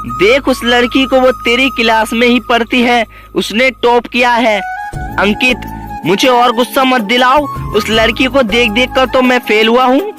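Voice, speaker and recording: A man reading out a string of short jokes, putting on quick voices for the people in them. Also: very high-pitched, fairly even intonation. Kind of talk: telling jokes over music. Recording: loud background music.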